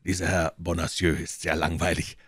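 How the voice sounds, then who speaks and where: A man puts on a calm, aloof musketeer speaking quietly and without hurry, low and dry. A storybook reading voice up close. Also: breathy edge, no room sound, heavily acted. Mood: bored. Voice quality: quiet, unhurried, cool.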